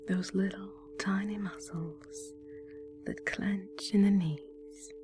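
A woman whispering slow, soothing guided relaxation instructions as a hypnotist. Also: medium pitch, fairly even intonation, over music.

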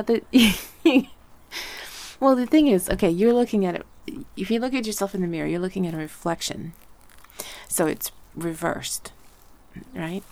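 A woman voice actor, a little congested with a cold, speaks softly and whispers by turns in a gentle ASMR roleplay chat. Her voice is gravelly and fairly low in pitch.

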